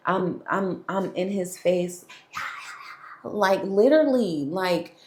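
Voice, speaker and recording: A young woman with a fairly low, darkish voice speaks slowly but expressively as she shares her testimony. The vlogger tells her personal story frankly to camera, recorded in an echoey room.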